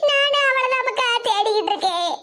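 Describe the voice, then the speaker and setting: A woman's voice: extremely high pitch, expressive, a little fast, bright, forceful tone, full character voice. A woman voicing a fretful old village grandmother in a cartoon, wailing and blaming herself, with a Kanyakumari Tamil accent. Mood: tearful. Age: over 70 (figure). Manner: lamenting, self-blaming. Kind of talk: animated comedy voice acting.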